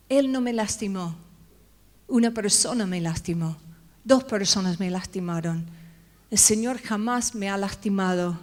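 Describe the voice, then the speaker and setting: Slow, reflective woman giving a testimony. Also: medium pitch. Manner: slow, reflective storytelling with tag questions. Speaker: conference speaker. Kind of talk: personal testimony sermon. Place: church conference stage.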